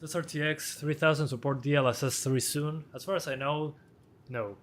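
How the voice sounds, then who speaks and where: A man in his twenties, slightly hoarse, casually answering viewer questions on a live stream as a hardware tester with quick chuckles. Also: fairly high pitch, fairly even intonation. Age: 20s.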